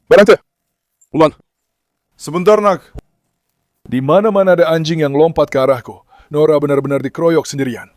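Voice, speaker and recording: A man's voice: fairly high pitch, fairly quick, pauses often, darkish tone, no echo, clean studio sound. A man hosting a farm vlog, speaking affectionately to his dogs and calling out repeated commands to them. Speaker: dog breeder and farm owner. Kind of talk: casual vlog narration.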